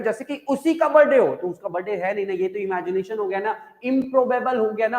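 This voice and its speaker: A high-pitched man with an Indian accent teaches English grammar to an online class, repeating each point and checking whether students follow. His voice rings in an echoey room with a long reverb. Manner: explains by repeating and asking the class questions. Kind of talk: live online class in Hindi-English mix.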